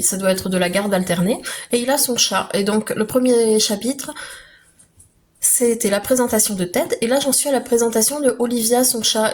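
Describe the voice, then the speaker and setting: Woman vlogger, casual and rambling, fillers galore, faint household noise behind. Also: mid-range voice. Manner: chatty, many fillers and restarts, laughs easily. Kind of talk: casual vlog chat.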